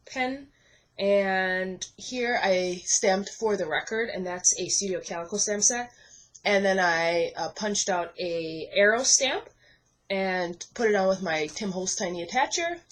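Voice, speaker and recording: A woman's voice: medium pitch, fairly bright tone, low-quality recording. Young woman from the Bahamas, chatty scrapbook walkthrough at home, frequent fillers and restarts. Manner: chatty, many ums and self-corrections. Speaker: scrapbooking vlogger. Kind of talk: casual show-and-tell walkthrough. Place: craft desk at home.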